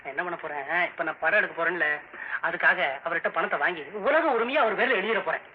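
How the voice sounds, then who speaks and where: An actor playing a boastful, scheming young would-be film director in a 1960s film comedy, switching between shouting and hushed storytelling. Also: sits high, fast talker, lightly acted. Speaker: aspiring film director, son. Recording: lo-fi old film soundtrack with faint hiss.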